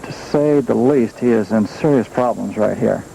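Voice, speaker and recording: A man with a low, creaky voice gives live golf commentary. It sounds like an old outdoor TV broadcast with clear noise behind him. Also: normal speed, dark tone, low-quality recording. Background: outdoor ambient noise.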